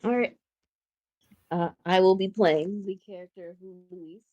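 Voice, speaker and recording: A woman's voice: medium pitch, steady tone, measured pace, a little mellow, lo-fi sound. A woman playing in a tabletop roleplaying game, heard through an online group voice chat on a cheap laptop mic whose volume sometimes dips. She talks in an easygoing, joking way. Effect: online group voice chat, cheap laptop mic with dipping volume. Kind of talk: casual game chat over voice call. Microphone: laptop microphone.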